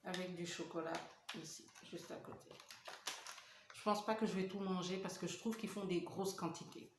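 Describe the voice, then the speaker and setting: A woman's voice: lowish voice, fairly even intonation, moderate pace. A woman in her thirties from Senegal, chatting casually in a mukbang vlog and talking between bites. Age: 30s. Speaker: vlogger. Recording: echoey room with faint hiss.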